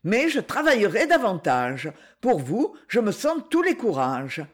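A woman's voice: medium pitch, wildly swooping pitch, measured pace. A woman voicing an ardent young man pleading his love in a tender, muffled way.

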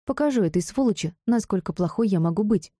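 A woman voicing a brash, foul-mouthed young female student with a sharp, mocking manner, in an audiobook. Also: mid-range voice, animated, quick pace, no room sound, studio quality, voice pushed up, natural voice. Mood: scathing. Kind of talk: audiobook character voice.

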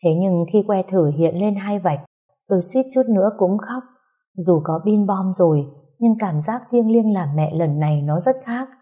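A woman narrating a first-person story in a calm storytelling manner. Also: medium pitch, normal speed, breathy edge.

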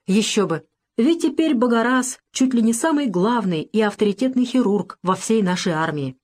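A woman's voice: on the high side, animated, moderate pace, darkish tone. A woman voicing a cheerful young soldier just home from the front, hearty and joking. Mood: jovial.

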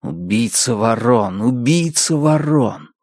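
A woman's voice: rumbling low, expressive, slow pace, dry recording, clean studio sound, full character voice. A narrator voicing a stubborn, firm woman who befriends crows, in an audiobook. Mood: indignant. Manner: firm, indignant, then gentle.

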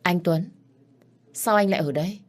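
A woman's voice: fairly low pitch, moderate pace, lightly acted. A woman voicing a spoiled rich young woman who sounds startled. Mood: surprised.

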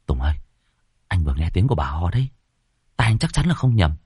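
A man's voice: medium pitch, big pitch swings, fairly quick, slightly rough, no echo, clean studio sound. A man voicing a nervous teenage boy who pleads and stammers to be believed. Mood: pleading, insistent.

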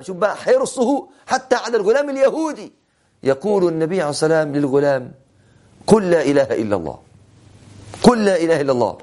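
Fast, high-voiced Egyptian preacher. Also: male voice, darkish tone. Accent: Egyptian Arabic. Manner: dramatic, shifts between classical and colloquial, emphatic repetition. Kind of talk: sermon storytelling.

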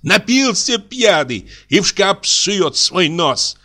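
A man voicing a stingy, scolding spinster woman in a shrill, nagging tone. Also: expressive, measured pace, a bit bright, faint music behind.

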